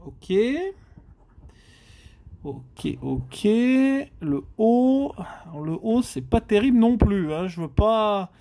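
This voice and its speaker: A man's voice: high voice, animated, very slow, warm tone. A man from France giving casual commentary while scratching lottery tickets, exclaiming and groaning at each letter. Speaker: scratch-card vlogger.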